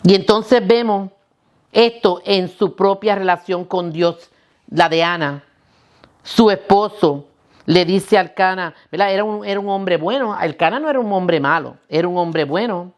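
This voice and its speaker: A woman's voice: mid-range voice, a little slow. A woman pastor preaching a sermon, asking the listeners questions and restarting words now and then.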